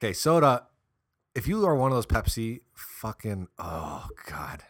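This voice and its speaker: A young man co-hosting a podcast in casual, animated chat, swearing and laughing often. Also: on the low side, unhurried. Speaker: podcast co-host.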